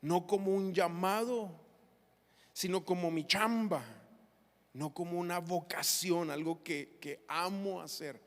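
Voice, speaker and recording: A man, a pastor preaching a sermon and telling personal stories in an animated, emotional way. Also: high-pitched, takes it slowly. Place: church hall. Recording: reverberant church hall.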